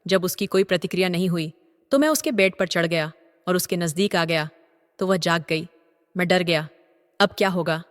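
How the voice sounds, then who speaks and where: An older man narrating a story in a steady, even reading voice. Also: sits high, moderate pace. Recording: long reverb.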